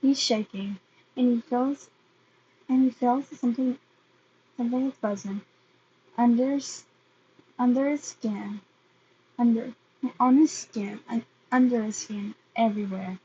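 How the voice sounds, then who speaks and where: A woman's voice: on the high side, unhurried, long pauses, mellow, slightly rough, dull audio. A woman reading fan fiction aloud, hesitant and often restarting her phrases.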